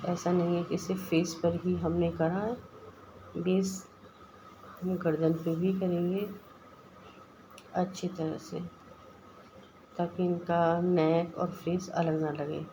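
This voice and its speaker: Woman makeup artist, Indian Hindi accent, lowish voice, explanatory tutorial read, noisy track. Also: flat delivery, slow pace, long pauses. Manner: explanatory, addresses viewers as guys. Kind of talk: step-by-step makeup tutorial voice-over.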